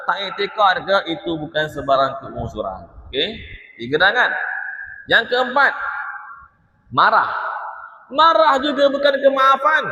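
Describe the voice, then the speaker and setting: A Malaysian Malay-accented religious teacher giving an evening mosque lecture, bright and fairly high in pitch. He keeps it animated, with rhetorical questions and small acted-out scenes. The recording is muffled, with a long hall reverb. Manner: animated, acts out quoted characters, rhetorical questions.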